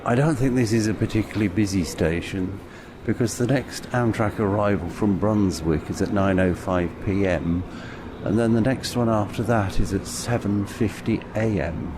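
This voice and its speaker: A British man giving a measured, observational, unscripted travel commentary as he records on location, pausing between phrases. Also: fairly low pitch. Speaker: narrator of an audio travel journal. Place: outdoors on city streets and at a station. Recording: outdoor city noise, traffic.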